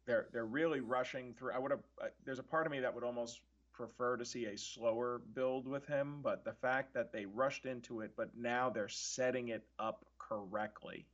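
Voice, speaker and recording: A man's voice: mid-range voice, steady tone, normal speed, hardly any pauses, muffled recording. A man co-hosting a casual wrestling review podcast, earnest and analytical, often restarting his sentences as he thinks aloud. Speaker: podcast co-host.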